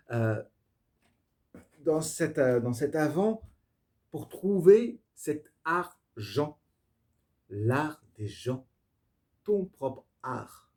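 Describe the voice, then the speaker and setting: A man giving an improvised tarot reading to camera, effusive and spiritual, speaking straight to his viewers and often pausing to search for words with fillers and restarts. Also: medium pitch, darkish tone. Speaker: tarot reader.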